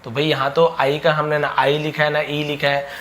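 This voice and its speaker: A man teaching English pronunciation in a phonics lesson, repeating example words slowly and answering his own questions. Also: fairly high pitch, monotone, a bit bright.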